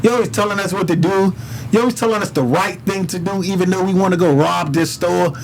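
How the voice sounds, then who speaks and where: High and gravelly, this Harlem rapper's voice moves fast as he tells casual stories on a podcast in a New York accent. He uses animated, profane street slang and quotes what people said. The recording is low quality, with slight background noise.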